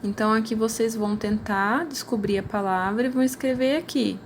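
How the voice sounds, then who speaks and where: A woman's voice: fairly high pitch, fairly quick, a little hiss or hum. A woman with a Brazilian accent, a primary school teacher patiently explaining worksheets in a recorded class, often ending with "né?". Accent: Brazilian Portuguese. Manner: patient, explanatory, frequent "né?" tags.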